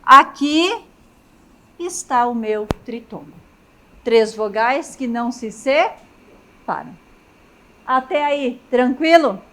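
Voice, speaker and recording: Brazilian woman teacher, high voice, slow and patient, keeps checking in with the class. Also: lively intonation, sharp tone, slight background noise. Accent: Brazilian Portuguese. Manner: checks in with students often, writes on a chalkboard. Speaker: grammar teacher. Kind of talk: classroom lecture.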